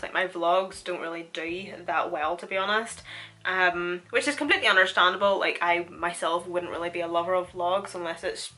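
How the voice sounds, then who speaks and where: A young beauty vlogger from Northern Ireland, speaking in a Northern Irish accent, chats casually through a makeup tutorial and laughs often. Her voice is fairly low with a sharp tone.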